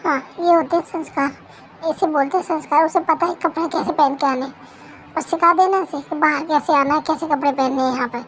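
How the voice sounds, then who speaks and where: A woman reading a fan story plays a stern middle-aged mother-in-law, sharp-tongued and scolding, in a very high voice. She nags about proper behaviour, a homemade storybook figure. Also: steady tone, brisk, slight background noise, natural voice.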